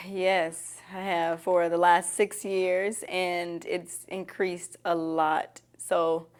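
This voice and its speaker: Woman, slightly low pitch, candid conversational interview answers. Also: level tone, drawn-out words, clear, resonant tone. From Nashville, Tennessee.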